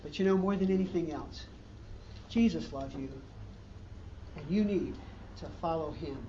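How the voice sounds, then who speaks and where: A man voicing a calm, firm woman teacher in a sermon story, recorded from a distance in a roomy hall. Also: on the high side, normal speed, highs cut off, slight background noise, lightly acted. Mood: gentle.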